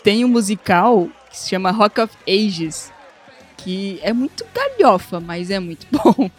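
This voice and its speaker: Brazilian co-host, mid pitch, enthusiastic, exclaiming, faint music behind. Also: sing-song, unhurried, a faint crowd. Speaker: podcast co-host. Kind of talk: casual chat about films.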